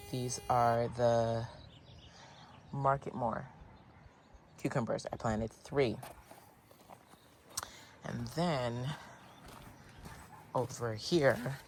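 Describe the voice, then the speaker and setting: Chatty gravelly-voiced garden vlogger. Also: medium pitch, a little hiss or hum. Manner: chatty, excitable, talks to viewers as y'all. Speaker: gardening channel host. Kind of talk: casual gardening vlog. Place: outdoor backyard garden.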